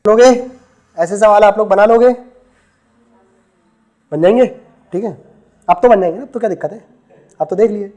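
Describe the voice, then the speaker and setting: A man teaching maths to a classroom of students, checking their sums, teasing them and dictating questions slowly with many repeats. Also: sits high, mellow, dull audio. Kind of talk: classroom lecture.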